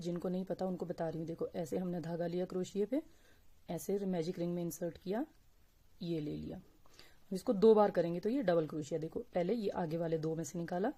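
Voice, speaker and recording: A woman teaching crochet step by step, speaking slowly and patiently and counting stitches aloud. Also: on the low side, mellow, husky. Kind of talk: step-by-step crafting tutorial.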